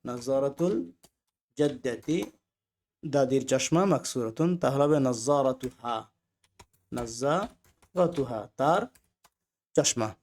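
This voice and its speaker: A Bengali-speaking man teaching Arabic grammar, reading out phrases slowly and repeating each with its translation. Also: mid-range voice, a little mellow. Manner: slow drilled repetition with translations. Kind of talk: recorded language lesson.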